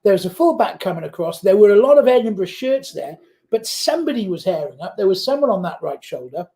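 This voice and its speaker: A man commentating live on a rugby match who gets excited and breaks into shouts at big plays. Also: sits high, fast talker.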